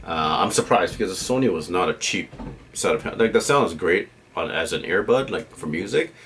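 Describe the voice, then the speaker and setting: Deep-voiced man rambling through a gear review. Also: animated, normal speed, fairly bright tone. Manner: rambling, opinionated, checks in with "right?" and "okay?". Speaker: tech reviewer vlogger. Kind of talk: casual unscripted camera gear review.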